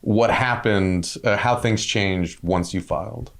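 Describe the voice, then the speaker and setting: A man with a somewhat low voice hosts a casual interview. He gets excited, laughs, lets a swear word slip, and explains things at length to listeners. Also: slow, creaky. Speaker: interviewer, host.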